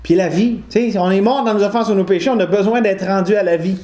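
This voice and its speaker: A man preaching in a loose, conversational way, his voice sitting notably high for a man. He wanders into jokes and corrects himself as he goes. The sound is roomy and echoey, as in a hall. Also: fast talker, warm tone. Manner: conversational, digresses with humor and self-correction. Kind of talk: informal sermon to a live congregation. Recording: roomy echo.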